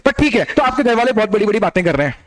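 A male exam-prep teacher giving a lively classroom lecture, teasing his students and firing rhetorical questions at them. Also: high voice, rapid-fire.

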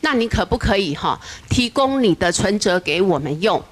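A woman's voice: mid-range voice, animated, moderate pace. A woman police officer explaining things in a casual TV talk-show way, dropping frequent "ha" tag particles. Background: background music.

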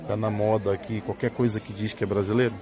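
A middle-aged Brazilian man talks quickly in a lowish voice with little pitch movement as he casually tours a large indoor swap meet. He records on a handheld phone camera amid a busy market crowd.

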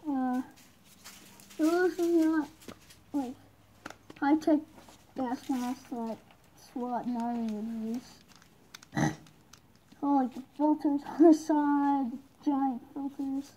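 A woman speaks through a gas mask in a high voice, rambling excitedly about her gear with many fillers. Her words come at an unhurried pace, muffled by the mask, with a faint hiss of noise behind her. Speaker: vlogger. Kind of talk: casual show-and-tell.

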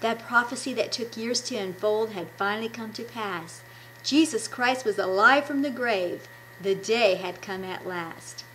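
With a fairly high voice, a children's ministry puppet presenter in her fifties gives kids an enthusiastic devotional talk at home. The small room and arm's-length webcam yield a rough recording with a little hiss or hum.

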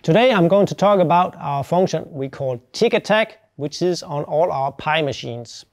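A welding specialist in his fifties walks through a product tutorial step by step, speaking plainly into a lapel mic. His fairly high-pitched voice is expressive and moves at a moderate pace.

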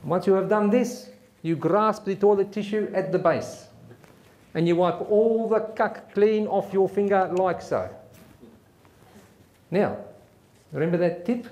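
A gruff South African army sergeant barks his survival lesson at new troops, as a man puts him on for a joke. The voice sits fairly high and the delivery is clipped and commanding. It rings in an echoey room. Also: a little slow, long pauses, a little mellow. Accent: South African (put on). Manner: barking drill-sergeant commands.

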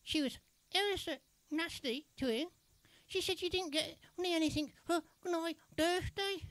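Squeaky ventriloquist dummy boy. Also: normal speed, fairly bright tone, no echo. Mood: cheeky, chatty. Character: cheeky young boy ventriloquist puppet. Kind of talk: comedy ventriloquist patter.

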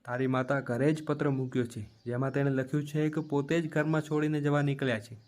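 A man's voice: mid-range voice, level tone, brisk, darkish tone, natural voice. A man voicing a dismissive police officer who lectures a worried son, in a storybook narration.

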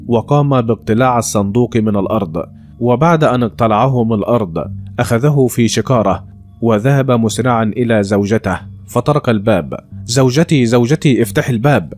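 A man narrating a religious moral story in a steady, plain storytelling way, at times addressing listeners as friends. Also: medium pitch, a little fast, soft background music.

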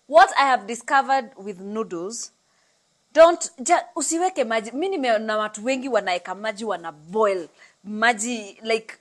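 A woman in her thirties with a Kenyan accent, hosting a casual cooking demonstration in her home kitchen and chatting freely with viewers. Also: a little high. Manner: chatty, mixing English with Swahili phrases. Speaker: cooking show host. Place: bright home kitchen, indoors.

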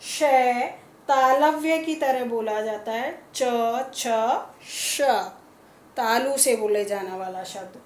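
A woman's voice: on the high side, takes it slowly, echoey room, a little hiss or hum. A woman teacher with a Hindi accent giving a classroom lesson, patiently sounding out letters one by one. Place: school classroom.

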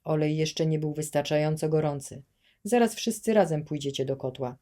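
A woman voicing a rough, threatening gendarme, in an audiobook reading. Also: lowish voice, normal speed, darkish tone, lightly acted. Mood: gruff. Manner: gruff, threatening. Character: rough gruff police gendarme.

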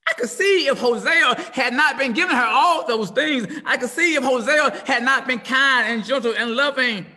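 Over a video call webcam from a home room with window blinds, a middle-aged pastor preaches an impassioned sermon in a very high voice at normal speed. He swings from shouts to hushed near-whispers in a repetitive cadence, and the call audio has long reverb.

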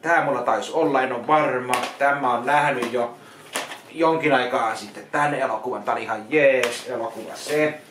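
Halting man sorting films, echoey room. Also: mid-range voice. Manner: halting, repeats words and restarts, plain verdicts. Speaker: vlogger unboxing donated films. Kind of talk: casual vlog commentary. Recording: echoey room with loud noise.

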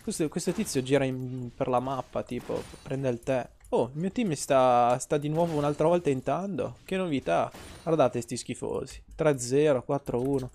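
Guy streaming a game, swears constantly, rants and jokes at chat, mid-pitched voice. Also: moderate pace, vocal fry, hardly any pauses, darkish tone, a little hiss or hum. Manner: profane, ranting, teasing, talks to chat. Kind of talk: casual live-stream gameplay commentary.

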